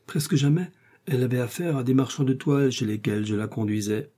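A man's voice: medium pitch, fairly quick, warm tone, natural voice. A man voicing a timid, frightened middle-aged mercer who pleads anxiously.

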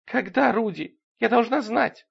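A man's voice: a little slow, vocal fry, breathy edge, highs cut off, heavily acted. A man putting on a weepy pleading young woman. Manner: whimpering, high and tearful.

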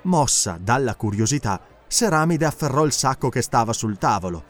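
A man reading an adventure audiobook aloud with dramatic, expressive narration. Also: medium pitch, moderate pace, faint music behind. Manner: expressive, animated storytelling.

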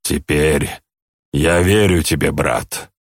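A man's voice: a bass voice, slow, dry recording, studio quality, pitched below the performer's own voice, full character voice. A man voicing a lanky male demon who speaks in a formal, grave way in a storybook reading. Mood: solemn.

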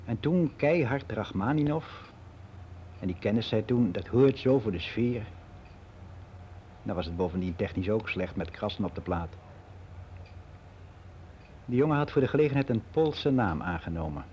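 With a lowish, darkish voice close to everyday speech, an actor portrays a candid, reflective ageing man, worldly and unbelieving, confiding matter-of-factly in a conversational radio drama monologue. He sounds animated and frank, wry, at a moderate pace with frequent pauses, over slight background noise.

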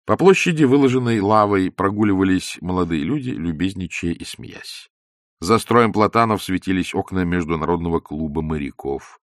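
A man narrating a novel as an audiobook in a measured, expressive literary style. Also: sits low, dry recording, clean studio sound.

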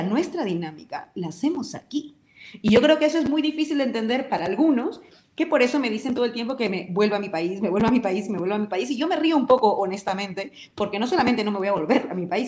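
A woman's voice: medium pitch, darkish tone, reverberant. A woman with a Peruvian accent, speaking with passion and vehemence as a guest in a radio interview. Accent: Peruvian Spanish. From Peru.

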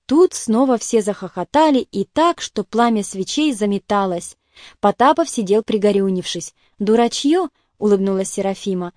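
A woman narrating a literary audiobook in a steady, measured way. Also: mid-range voice, no room sound, clean studio sound. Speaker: audiobook reader.

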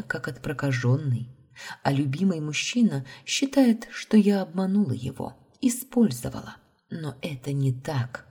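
A woman's voice: extremely low pitch, mellow, slightly rough, full character voice. A woman reading the lines of a desperate, heartbroken young heroine, pleading and tearful. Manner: pleading, tearful, rising to outbursts.

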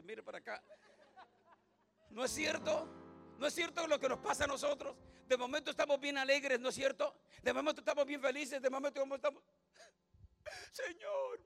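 A man with a very high-pitched, creaky voice preaches a comic sermon as a pastor. He tells jokes, acts out stammering voices, and preaches loudly while calling out asides to the congregation.

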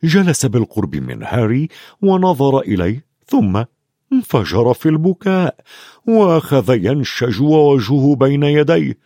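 A man narrating an audiobook in a measured storytelling manner. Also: mid-range voice, big pitch swings, dark tone, dry recording, clean studio sound. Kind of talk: scripted narration.

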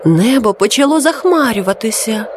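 A woman's voice: a little high, expressive, moderate pace, background noise. A woman narrating a bedtime story in a tender way, speaking directly and fondly to a child listener. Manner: tender, addresses the listener as "my little heart".

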